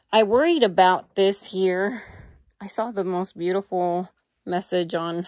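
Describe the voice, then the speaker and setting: A middle-aged American woman does an unscripted haul and try-on chat for her fashion vlog, talking casually to viewers from a small walk-in closet. Her voice sits in the mid-range and is a bit mellow, recorded dry on a handheld phone.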